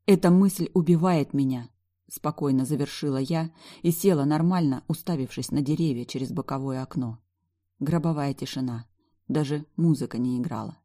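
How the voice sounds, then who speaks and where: A woman's voice: a bass voice, normal speed, dark tone. A woman reading a first-person novel aloud with wry, emotional storytelling. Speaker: audiobook narrator.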